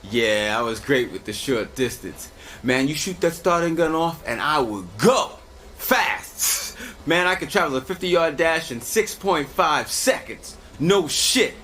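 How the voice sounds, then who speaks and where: An actor playing a world-weary prison inmate who narrates in a blunt, sardonic, profane way. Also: male voice, a little high, animated, measured pace, fairly bright tone. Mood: boastful. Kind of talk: scripted TV drama monologue. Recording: audible background noise.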